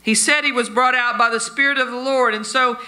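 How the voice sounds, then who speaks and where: Male pastor, sermon, storytelling, sharp ringing tone. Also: extremely high pitch, fairly even intonation, brisk. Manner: storytelling, addresses listeners as friends.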